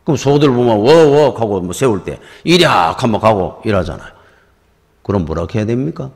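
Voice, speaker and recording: Brisk and gravelly, with a voice on the low side, a middle-aged Gyeongsang-accented pastor tells stories in an animated, conversational sermon. The recording captures the echo of the church sanctuary.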